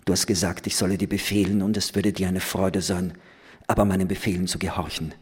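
A commanding young woman, playful yet grave, read by a man in an audiobook. The voice sits low and slightly husky. It speaks slowly and with quiet insistence. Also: flat delivery. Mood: earnest, commanding.

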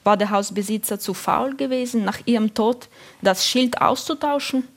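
A woman narrating a literary story in a calm, measured reading. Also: on the high side. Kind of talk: audiobook reading.

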